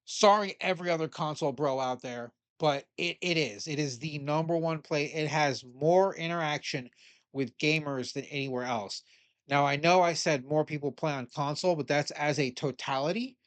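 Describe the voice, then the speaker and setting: A man's voice: a little high, moderate pace, clear, resonant tone, dry recording. A man giving casual, opinionated commentary while reading a news article aloud and arguing with it. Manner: blunt, opinionated, swears casually; argues with the article as he reads it aloud.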